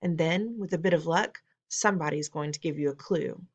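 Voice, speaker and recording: A woman reading aloud, voicing a brisk, determined elderly grandmother with a genteel, firm manner. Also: deep voice, husky, dull audio. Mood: plotting. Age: older.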